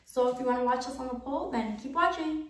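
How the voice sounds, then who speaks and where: Young woman, high voice, casual vlog chat, echoing bare room, informal wording. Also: fast. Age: young adult. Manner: informal, swearing. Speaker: vlog host. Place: nearly empty bedroom indoors. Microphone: camera a few feet away. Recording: echoey room, distant mic, noisy.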